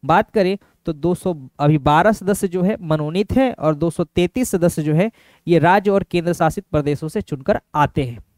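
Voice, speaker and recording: A man teaching an exam-prep video lesson, repeating each point and asking viewers quick rhetorical questions. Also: a little high, a little mellow, dry recording, studio quality. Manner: calls viewers friends.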